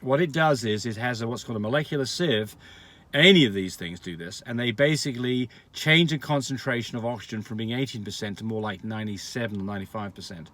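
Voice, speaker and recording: A man at a middle pitch talks through viewer questions in a loose, unscripted way. He is blunt and practical, and he often circles back and restarts his sentences as he explains. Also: fast, fairly bright tone. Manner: frank, rambling explanations with restarts and fillers. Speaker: dog breeder answering viewer questions. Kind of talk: casual advice Q&A.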